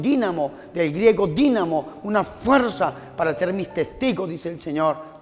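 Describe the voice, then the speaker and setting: Fervent preaching priest in a reverberant hall. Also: male voice, on the high side, darkish tone. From Colombia. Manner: fervent preaching with repeated phrases. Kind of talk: sermon. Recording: long hall reverb, faint music.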